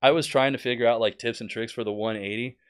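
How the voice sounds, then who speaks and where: A young man, a flight instructor, chatting casually as a podcast guest, animated and joking as he tells stories. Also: medium pitch, fast talker. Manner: animated, jokey, acts out quotes. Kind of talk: casual storytelling chat.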